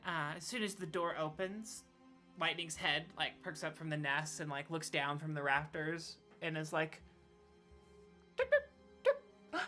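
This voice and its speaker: Woman GM, low pitch, crisp forward tone, loose and chatty. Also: pushed and bright. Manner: casual, rambling, many fillers. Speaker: game master. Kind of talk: narrating a tabletop role-playing game.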